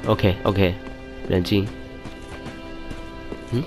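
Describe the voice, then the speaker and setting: Excitable man playing a game. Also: low voice, extremely slow. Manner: excitable, shouts and groans at deaths, teasing banter with enemies. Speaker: gaming YouTuber. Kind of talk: casual let's-play commentary. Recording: game music playing behind.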